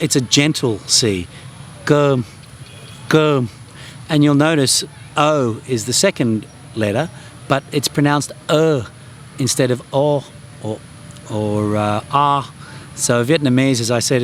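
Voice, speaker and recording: Speaking in a medium pitch over a little hiss or hum, the host chats through his casual travel language lesson to camera. He's self-deprecating and keeps saying um and restarting.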